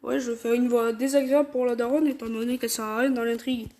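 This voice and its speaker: A woman's voice: a little high, steady tone, fast, a little mellow. A woman giving casual, slangy, rambling commentary while playing a video game. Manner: chatty, slangy asides, rambling. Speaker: let's play host.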